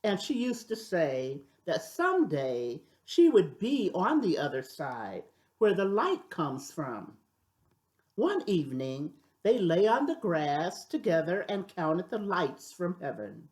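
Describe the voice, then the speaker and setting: With a lowish voice, this older storybook reader brings a children's tale to life in a deliberate, expressive way.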